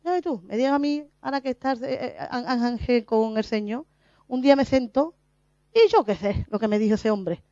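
A woman giving a lively spiritual testimony, laughing often and acting out her own past words. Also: a little high, moderate pace, no room sound. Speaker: lay preacher. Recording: dull, muffled dry recording.

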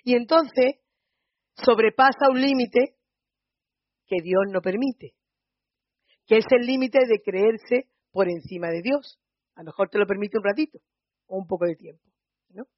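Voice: mid-range voice, measured pace, long pauses, no room sound. A preacher with a Spain Spanish accent, retelling a Bible story in a conversational, storytelling teaching style and often checking in with listeners. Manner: storytelling, often adds checking tag questions. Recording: dull, slightly lo-fi recording.

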